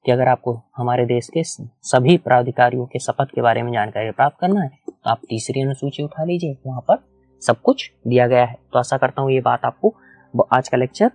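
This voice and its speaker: A man's voice: mid-range voice, a little fast, gravelly, darkish tone, dry recording, soft background music. A man teaching a whiteboard lecture, explaining step by step, repeating key points and asking the class questions. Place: small room with a whiteboard.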